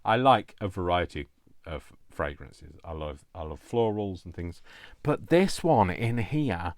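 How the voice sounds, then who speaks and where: In a dry, studio-quality recording, a deep-voiced man hosts a craft video, animated yet unhurried. He keeps things casual and playful, making fun of himself and wandering into side remarks.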